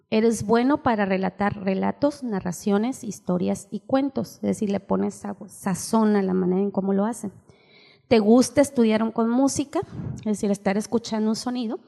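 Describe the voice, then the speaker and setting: A woman's voice: medium pitch, fairly even intonation, normal speed, vocal fry, dark tone. Older woman lecturing in a reverberant hall. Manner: explains while reading aloud, keeps asking ¿sí?. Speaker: teacher trainer at a church seminar. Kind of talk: seminar lecture. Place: church hall.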